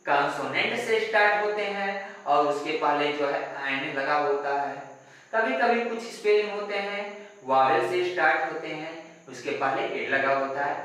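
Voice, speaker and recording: A man's voice: sits high, sharp tone. A man teaching a grammar lesson step by step, spelling words letter by letter and asking rhetorical questions. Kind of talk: classroom-style grammar lesson. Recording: very echoey room, voice from a distance.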